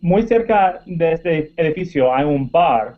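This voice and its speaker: Male student, non-native Spanish, careful with slips, fairly high voice, tinny phone-like line. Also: expressive, slow pace. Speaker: language student. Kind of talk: conversational practice.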